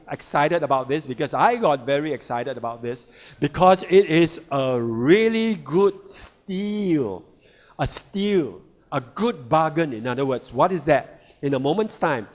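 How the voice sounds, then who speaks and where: A man presenting products at a seminar, emphatic, often checking "all right?" and repeating key words. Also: fairly high pitch. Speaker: sales leader presenting products. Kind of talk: product seminar talk to a live audience. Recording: long hall reverb.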